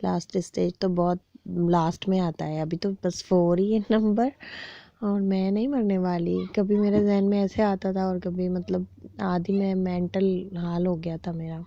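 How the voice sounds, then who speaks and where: A woman gives a personal testimony in a very dark, mellow voice that stays flat and even. She speaks softly and reflectively, often pausing with fillers. The recording is dry and a little dull. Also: fairly low pitch, no echo. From Pakistan. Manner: soft, reflective, halting with pauses and fillers. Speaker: cancer survivor sharing her story.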